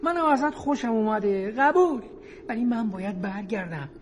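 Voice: medium pitch, animated, a little hiss or hum, natural voice. A performer playing a stubborn young boy in an audio drama, protesting and pleading with cheeky backtalk. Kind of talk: audio drama character acting.

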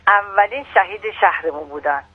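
A woman's voice: medium pitch, husky, no room sound, phone-quality sound. A woman calling in over the phone to report on local events. Her sound is dry, with no room around it. She halts often, restarting phrases and filling gaps with "uh". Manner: halting, with restarts and fillers.

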